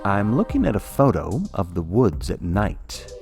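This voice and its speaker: A podcast narrator with a very low voice and vocal fry tells a spooky story, scripted and measured yet very animated, with a dry, wry edge. Soft, quiet music runs beneath his narration.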